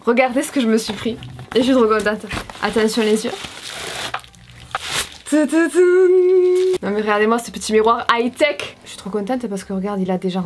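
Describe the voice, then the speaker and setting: A young woman from France chatting excitedly through a makeup haul, bubbly and playful with lots of asides. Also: fairly high pitch, slight background noise. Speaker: beauty vlogger. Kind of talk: casual haul vlog.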